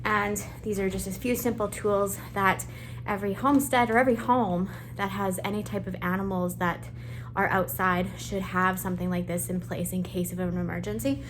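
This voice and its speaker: Working outdoors and inside a chicken coop on a bitterly cold farm, a woman vlogger talks chattily to her camera between laughs and sighs. She speaks at medium pitch with fairly even intonation and a moderate pace, over slight background noise.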